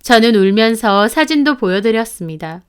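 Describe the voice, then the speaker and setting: A woman narrates a dramatized personal story in a smooth, clear voice that sits a little high. She reads every role herself and sinks into a low, somber hush for the sad parts. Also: lively intonation, normal speed.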